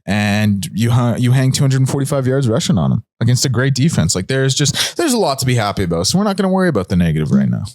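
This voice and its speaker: A man's voice: medium pitch, big pitch swings, fast talker, few pauses, darkish tone, no room sound, studio quality. A man hosting a casual sports podcast, chatty and loose, poking fun at himself as he runs through the show. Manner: chatty, loose, self-joking. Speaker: podcast host.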